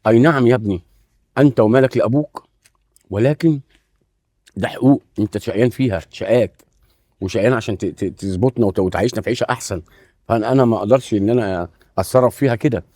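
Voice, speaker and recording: A patient, protective Egyptian father in his later years talks very fast in a dry, close sound, as a man plays him. He is soft-spoken and reassuring, with small halts. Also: fairly low pitch, no echo, lightly acted. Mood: gentle. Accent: Egyptian Arabic. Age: older. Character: kind, protective old father. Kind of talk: web drama acting.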